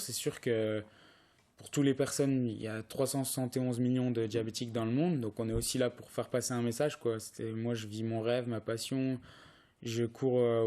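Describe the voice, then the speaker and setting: A man's voice: mid-range voice, warm tone. A young man from France, a pro cyclist, answering interview questions hesitantly with many restarts and fillers. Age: young adult.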